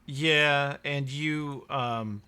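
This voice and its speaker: A man's voice: a little high, steady tone, drawn-out words, bright, forceful tone, clear, resonant tone. A man acting as game master, narrating a tabletop game in a casual way. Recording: noisy background.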